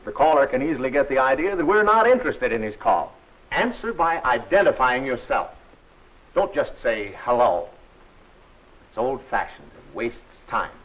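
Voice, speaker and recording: A man narrating a 1940s instructional film in a friendly, instructive and measured way. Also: mid-range voice, big pitch swings. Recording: dull old film soundtrack.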